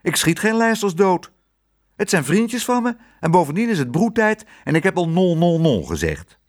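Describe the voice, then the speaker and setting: A man voicing a gentle, earnest cook in a storybook, protesting, husky voice, lively swooping pitch. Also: moderate pace, heavily acted. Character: kind-hearted male cook who protects birds.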